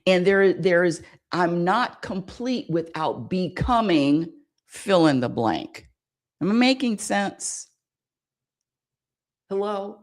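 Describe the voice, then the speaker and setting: Slow, low-voiced woman. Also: lively intonation. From United States. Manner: repetitive and searching, calls for audience affirmation. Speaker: host of a spirituality radio show. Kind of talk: spiritual talk monologue.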